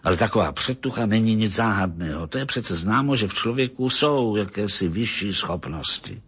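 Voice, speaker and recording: A man playing a calm, lower-voiced older gentleman. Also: slightly rough, heavily acted. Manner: calm, measured, pronouncing verdicts.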